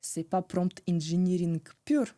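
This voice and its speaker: Russian-accented woman, low and mellow. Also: a little slow, dry recording. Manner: hesitant, many fillers and restarts. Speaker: guest, head of legal. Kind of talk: casual interview.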